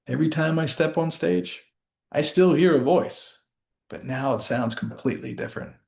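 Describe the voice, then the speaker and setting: A storyteller presents a rehearsed motivational speech, pacing it deliberately in short phrases with dramatic pauses. His medium-pitched voice is a little mellow and carries vocal fry.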